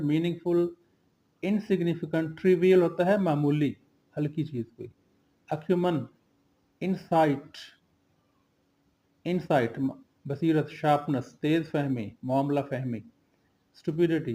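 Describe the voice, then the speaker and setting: A man teaches a vocabulary lesson, reading out each word and its meanings in turn. His voice sits a little high for a man but sounds dark and mellow. He keeps an even, flat, unhurried delivery. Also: low-quality recording. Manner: slow and steady, drills word lists with brief glosses. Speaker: English teacher. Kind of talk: vocabulary lesson, listing synonyms and antonyms.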